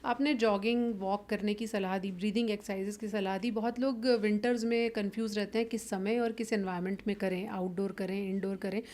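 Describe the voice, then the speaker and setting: A woman's voice: medium pitch, steady tone, brisk, hardly any pauses, darkish tone. A woman hosting a health interview, asking formal, polite questions. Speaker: interviewer, host.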